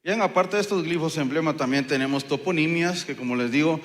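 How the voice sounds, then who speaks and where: A man's voice: fairly high pitch, fairly quick. A man with a Guatemalan Spanish accent giving a university lecture, explaining patiently and checking in with his listeners. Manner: explanatory, frequent checking "¿sí?" and "eh" fillers. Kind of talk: university lecture on Maya epigraphy. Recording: long hall reverb.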